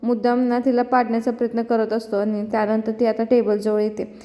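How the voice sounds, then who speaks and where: Lively woman retelling a story. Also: fairly high pitch, brisk, long reverb tail. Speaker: serial recap narrator.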